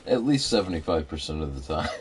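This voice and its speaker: A man's voice: sits low, lively intonation, fast talker, slight background noise. A man chatting casually while gaming in a laid-back way, reading item stats aloud. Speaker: gamer. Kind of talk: casual gameplay chat.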